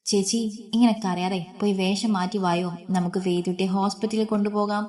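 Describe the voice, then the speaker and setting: A woman reading the part of a kind young woman, hurried and reassuring. She rushes her words to calm the others in this storybook reading. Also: medium pitch, lightly acted.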